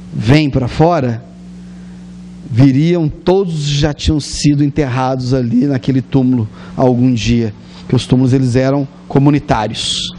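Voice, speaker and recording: A man with a Brazilian Portuguese accent preaching a sermon, telling the story in a lively way and acting out the scenes. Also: medium pitch, slight background noise.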